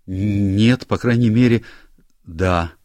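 A man's voice: fairly low pitch, takes it slowly, a little mellow, dry recording, pitched above the performer's own voice. A man voicing a young, anxious male secretary who stammers and is eager to please, in an audiobook. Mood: flustered. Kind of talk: audiobook character voice.

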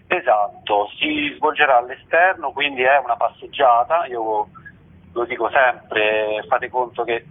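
Over a muffled, narrow-band telephone line, a festival organiser with a mid-range voice speaks at a measured pace. In this radio interview he explains things in an informal, discursive way.

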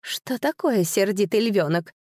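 A woman's voice: medium pitch, animated, a little slow, darkish tone, no room sound, studio quality. A woman voicing a beautiful noble hostess whose sweet courtesy turns to venom, speaking with silky mockery and hidden anger. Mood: teasing.

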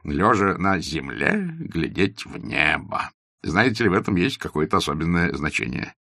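A man's voice: extremely low pitch, big pitch swings, moderate pace, gravelly, bright, forceful tone, no room sound, studio quality, full character voice. A man voicing a talkative old country doctor in his sixties, a doting father who rambles in flowery phrases. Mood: fond, chatty. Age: 60s.

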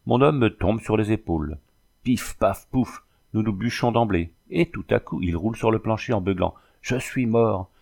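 A man's voice: on the low side, moderate pace, gravelly, a little mellow. A man voicing a boastful old Irish sailor in a storybook, swaggering and swearing as he tells his tale. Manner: swaggering, swears by thunder and the devil.

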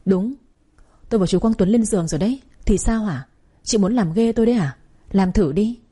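A woman voicing a hurt young woman who talks back with sharp defiance. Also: mid-range voice, fast talker, husky, close to an everyday voice. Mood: defiant.

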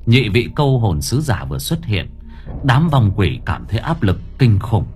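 A man narrating an audio story in a lively, dramatic way. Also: fairly low pitch, normal speed, soft background music.

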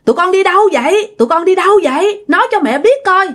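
A woman's voice: very high voice, expressive, fast talker, a bit bright, pitched above the performer's own voice. A woman voicing a distraught young mother who questions her children anxiously and insistently.

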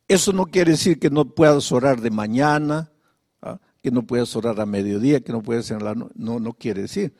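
Man, pastor, sermon, high voice, dry close sound, rhetorical questions, soft confiding moments. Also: dry recording. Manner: emphatic preaching with repeated rhetorical questions.

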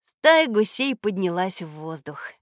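A woman reading a children's storybook aloud as scripted narration, even and expressive. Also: mid-range voice, unhurried, dry recording, clean studio sound. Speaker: audiobook reader.

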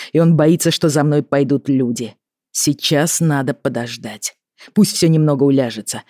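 An audiobook reader voicing a stern, worried middle-aged father who speaks gravely and wearily. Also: medium pitch, warm tone, dry recording, studio quality, close to an everyday voice. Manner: grave, measured, weary. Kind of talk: audiobook character reading.

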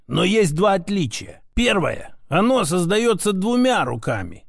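A man voicing a stern old grandfather who calmly teaches magic in an audiobook. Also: sits high, dry recording, studio quality, heavily acted. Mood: instructive. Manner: calm, instructive, measured. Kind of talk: audiobook character voice.

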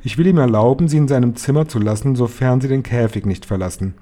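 A man's voice: mid-range voice, quick pace, mellow, close to an everyday voice. A man voicing a stiff, formal hotel manager who gets flustered and stammers when cornered. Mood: cowed.

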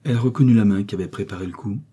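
A man reading a classic novel aloud in a measured narrating voice. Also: fairly low pitch, warm tone, slightly rough. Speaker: audiobook reader. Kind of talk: literary audiobook narration.

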